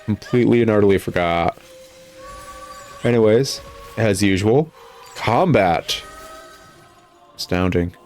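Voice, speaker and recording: A man with a fairly low, slightly mellow voice chats casually while playing a video game, hosting his own show like a critic. He sounds sarcastic and exasperated, rambling from one complaint to the next with lively intonation, a slow pace, and frequent pauses. Music plays clearly in the background.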